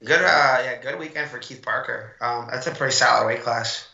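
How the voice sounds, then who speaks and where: A man with a sharp, bright voice co-hosting a laid-back sports podcast. He talks in a loose, rambling way, full of filler words. His mic sounds echoey and muffled. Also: mid-range voice, moderate pace, creaky. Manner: chatty, with many fillers like "like" and "I mean". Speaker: co-host of a wrestling podcast. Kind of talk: casual sports chat.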